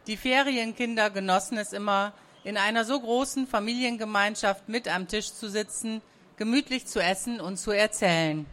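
Calm woman reading a children's story. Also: medium pitch, normal speed. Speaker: narrator. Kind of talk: scripted narration.

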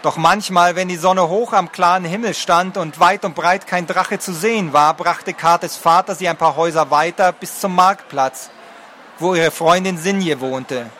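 A man narrates a fantasy audiobook in a measured, expressive reading. His voice is fairly high and bright. Faint outdoor noise sits behind him.

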